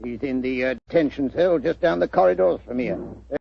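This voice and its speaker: A blunt, cocksure British police inspector with a gravelly, husky voice and a dismissive, colloquial way of talking. It is 1940s radio drama with dulled vintage sound. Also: male voice, mid-range voice, fairly quick, no room sound, muffled recording. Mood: confident.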